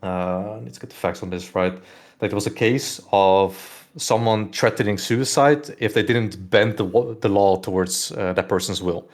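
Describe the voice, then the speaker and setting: A young man with a Dutch accent and a very low, deep voice talks through a casual podcast discussion. He rambles in long loose runs, leaning on "like" and "right?" as he goes. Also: normal speed, faint music behind. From Netherlands. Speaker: podcast host.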